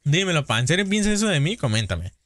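A man's voice: a little high, big pitch swings, a bit bright, no echo. A man with a Mexican accent hosting a live gaming stream, greeting viewers in a chummy, casual way. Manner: chummy, calls viewers "padrino", rapid greetings. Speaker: gaming livestream host.

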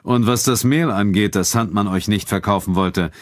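A composed, cold male official from a spoken storybook, as a man reads him. His voice sits higher than the reader's very deep narration, yet stays controlled and level in tone. The sound is dry and close, with no room around it. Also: dry recording, natural voice. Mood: calm firm. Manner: calm, measured, quietly firm.

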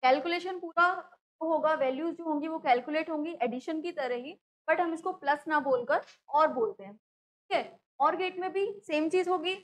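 High-voiced woman teaching a lecture. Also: normal speed, low-quality recording. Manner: explanatory, asks and answers own questions, frequent "theek hai". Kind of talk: classroom lecture explanation.

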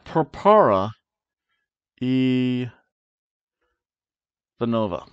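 The speaker is a middle-aged man running a wrestling review show from a small home room, tossing out casual predictions to camera over a headset mic. Playful, he rolls his R's on names and hums dramatic tunes, speaking very slowly in a sing-song, medium-pitched voice with a clean tone. Sound is dull, lo-fi, and dry.

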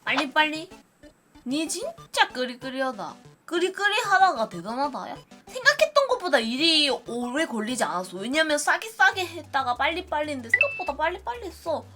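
Woman, Gyeongsang accent, bright tone, casual quiz commentary, thinks aloud, soft music behind. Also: high-pitched, sing-song, normal speed. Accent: Gyeongsang Korean. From Gyeongsang region. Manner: thinks aloud, guesses playfully. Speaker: streamer taking a dialect quiz.

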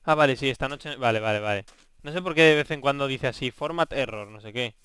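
A young man with a Spain Spanish accent, giving let's play commentary, excitable and swearing while bantering with game characters. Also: mid-range voice, fast, clear, resonant tone, no echo. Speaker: gaming video host.

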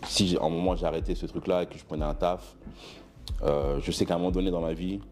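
A man in his thirties with Benin roots, giving a relaxed guest interview in a studio, hesitant with many fillers and restarts. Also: low-pitched, quick pace. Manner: gestures broadly while seated. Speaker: brand founder, guest. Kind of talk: casual interview talk. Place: studio room with clothing racks, indoors.

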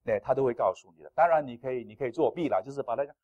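A male pastor preaching a sermon in an animated, playful way, with self-deprecating humor. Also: medium pitch, very fast, dry recording, muffled recording.

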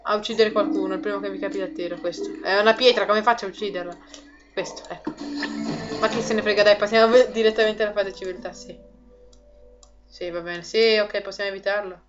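A woman hosting a let's play, chatty and excitable, laughing often and talking to her viewers. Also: medium pitch, quick pace. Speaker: gaming video host. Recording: lo-fi audio with game music behind. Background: game music.

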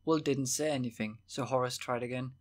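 A man narrating a novel as an audiobook in a steady, measured reading voice. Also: mid-range voice. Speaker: audiobook reader.

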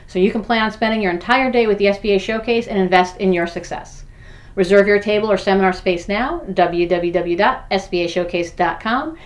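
A woman in her forties promoting a business event to the camera in an upbeat, brisk way, listing the details. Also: medium pitch, dull audio. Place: in front of backdrop.

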